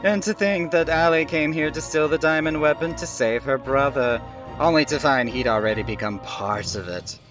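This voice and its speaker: A man's voice: a little high, normal speed, highs cut off, over music, lightly acted. A man voicing a gloating, pompous inventor lord from a video game, theatrical and condescending. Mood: mock sympathy.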